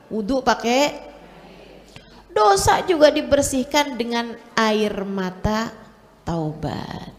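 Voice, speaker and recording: A woman's voice: fairly high pitch, big-room sound. A woman preacher giving a conversational sermon, repeating words for emphasis and speaking to her listeners as friends. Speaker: Islamic preacher.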